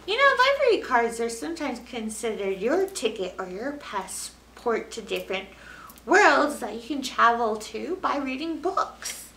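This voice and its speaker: A middle-aged American woman leads a children's story time as a librarian, seated on a couch in an indoor library room, speaking with exaggerated expression to young children. Her fairly high voice is sing-song, a little slow, creaky, and sharp in tone. A distant mic gives the recording a roomy sound with faint noise.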